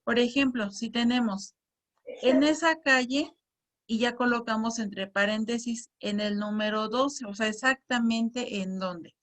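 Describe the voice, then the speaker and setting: A woman's voice: a little high, steady tone, unhurried, fairly bright tone. A woman teacher patiently explaining a lesson, often repeating words and reading example sentences aloud with exaggerated intonation. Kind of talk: slow explanatory lesson on punctuation.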